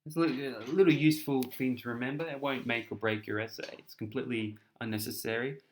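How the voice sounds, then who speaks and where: A man's voice: medium pitch, steady tone, quick pace. A young man with an Australian accent explains an essay in a chatty, casual tutoring style, often repeating words and restarting.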